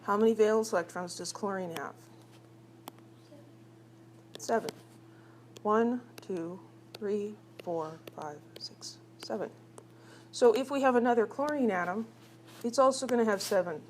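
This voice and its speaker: A woman's voice: medium pitch, measured pace, long pauses, darkish tone, a little hiss or hum. A woman teaching a chemistry class in a chatty, teasing way, asking her students questions as she works through examples. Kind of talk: recorded classroom lecture.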